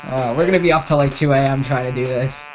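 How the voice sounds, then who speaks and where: A man's voice: mid-range voice, a little mellow, faint music behind, low-quality recording. A man co-hosting a podcast in casual chat, laughing often between remarks. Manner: laughs often, slow and giggly. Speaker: podcast co-host.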